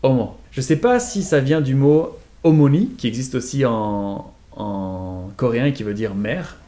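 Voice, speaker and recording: A man's voice: medium pitch, lively intonation, a little slow, dark tone. A man casually teaching pronunciation, explaining and demonstrating sounds one by one. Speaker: accent teacher. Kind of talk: casual lesson.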